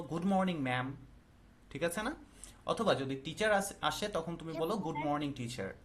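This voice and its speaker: A male English teacher, explaining slowly and asking the class questions. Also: a little high, fairly bright tone. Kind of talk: classroom lesson.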